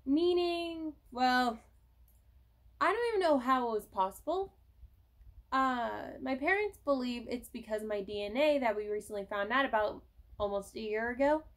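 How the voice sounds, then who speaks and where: Young adult woman, high voice, rambling casual vlog chat into a phone. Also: lively intonation, normal speed. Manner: rambling, chatty, casual swearing. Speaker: vlogger. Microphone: cell phone.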